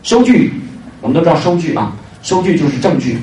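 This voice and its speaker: A man's voice: a little high, quick pace, warm tone. Man preaching in a roomy hall. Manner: emphatic, repeats key phrases, fillers between points. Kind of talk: evangelistic sermon. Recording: roomy, distant mic, faint noise.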